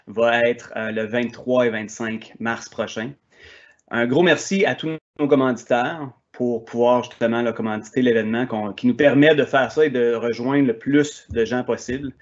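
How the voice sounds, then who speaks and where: A man's voice: mid-range voice, muffled recording. Québécois man giving a tech talk. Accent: Québécois French. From Quebec, Canada. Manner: hesitant, frequent fillers and restarts. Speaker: conference speaker. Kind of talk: technical conference presentation.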